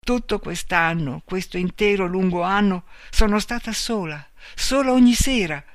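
A man's voice: high voice, moderate pace, dry recording, clean studio sound, close to an everyday voice. A man doing a desperate, anguished woman. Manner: raised, anguished cries. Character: lonely distraught young woman, desperate.

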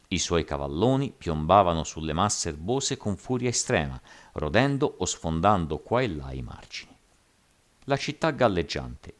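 A male audiobook narrator with a very low, deep voice. His reading is expressive and dramatic, with lively swings in pitch. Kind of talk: scripted narration.

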